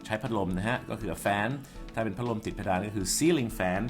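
A man's voice: fairly low pitch, normal speed, soft background music. A man teaching English vocabulary, explaining each word step by step and spelling out letters.

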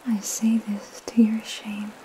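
A young ASMR host whispers scripture and prayers close to the mic, slow, very level, breathy and soothing, with pauses between phrases. Her mid-range voice comes through a low-quality recording with slight noise and steady rain, made in a small room at home.

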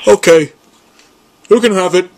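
A man's voice: high voice, a little slow, darkish tone, poor audio. A man plays a befuddled old man on a prank call. He is polite but muddled and hesitant, as if he cannot hear well. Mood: confused. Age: older. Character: confused, hard-of-hearing old man, rambling and polite. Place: small room at home, indoors.

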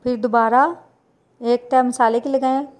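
A woman, talking viewers through a recipe step by step in a plain, unhurried voice-over. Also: on the high side, level tone, a little mellow. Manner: plain instructional, unhurried with small restarts. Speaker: cooking channel host.

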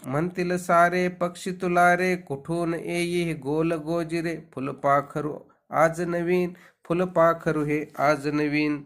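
A man's voice: on the high side, flat delivery, slow, fairly bright tone. A man singing a children's poem and telling a rhymed story in melodic recitation. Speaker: storyteller and singer.

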